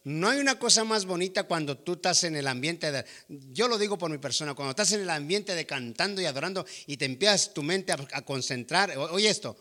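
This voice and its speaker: A male preacher with a high, bright, forceful voice delivers a sermon. He talks emphatically, calls his listeners brother and keeps asking them rhetorical questions. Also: animated, a little fast, few pauses.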